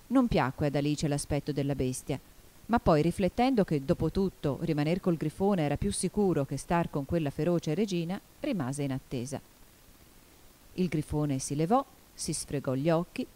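Woman reading a kids story, lowish warm voice. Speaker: audiobook reader. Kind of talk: storybook narration.

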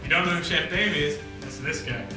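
A man's voice: fairly high pitch, brisk, heavy reverb, distant mic, music in the background, natural voice, rough recording. A man playing an eager, goofy young news intern sidekick, bantering in a church video sketch.

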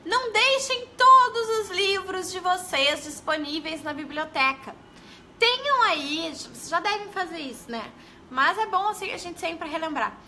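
A young Brazilian woman educator chats through a live stream in a high, bright voice. She talks casually, greets her viewers and keeps tagging her sentences with questions. Her tone is sharp and forward. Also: animated, measured pace, slight background noise. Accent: Brazilian Portuguese. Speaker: early-literacy educator.

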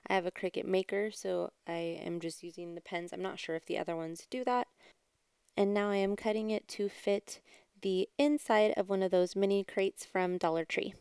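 A woman speaks at a moderate pace with a medium pitch and a steady, clear, resonant tone in a dry recording. She hosts a craft channel and chats through a DIY tutorial step by step, her delivery quiet and subdued. It's a voice-over made at home on a home voice-over mic.

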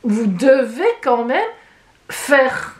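A woman's voice: a little high, extremely slow, slight background noise. A woman giving a monthly tarot reading, emphatic and chatty, often adding "hein" as she explains each card. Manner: animated, emphatic, with many "hein" asides. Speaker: tarot reader.

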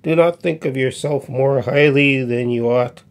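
A man in his fifties speaks slowly, with a gravelly, creaky texture. He welcomes his viewers in a folksy, pause-filled way before reading scripture aloud. He is recorded on a desk mic in a small home music room. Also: medium pitch. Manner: folksy, unhurried, with frequent pauses. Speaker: folk musician and host. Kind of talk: casual chat and Bible reading. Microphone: desk condenser mic in front.

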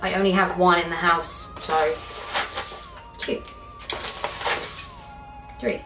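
On the low side and level in tone, her voice moves at a slow pace. This young British woman vlogs her home cooking in a kitchen that echoes with faint music, chatting in a rambling way and teasing herself about her mistakes.

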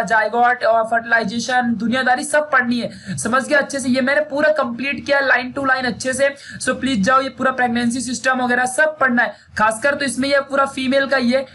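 A man's voice: very high-pitched, pushed and bright, slight background noise. A man teaching a casual syllabus walkthrough, chatty and repetitive, speaking. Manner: chatty, repeats "theek hai" often.

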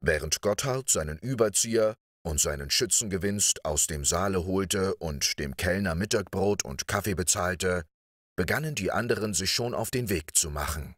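A man calmly narrating a bedtime audiobook story in a measured way. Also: deep voice, no echo, clean studio sound. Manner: measured, calm.

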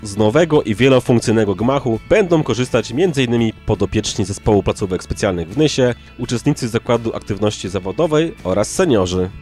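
A man with a fairly low voice delivers scripted news narration in a formal register. Light music sits underneath his reading. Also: expressive, a little fast, few pauses, darkish tone.

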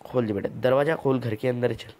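A man's voice: medium pitch, steady tone, brisk, darkish tone. A man hosting a gameplay video, giving casual commentary full of teasing, mock-scolding banter.

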